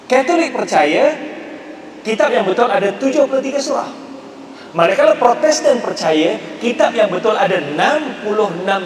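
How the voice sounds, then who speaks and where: A man with a Malaysian Malay accent giving an animated religious lecture, imitating regional dialects. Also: high-pitched, a little hiss or hum. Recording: echoey hall, voice from far.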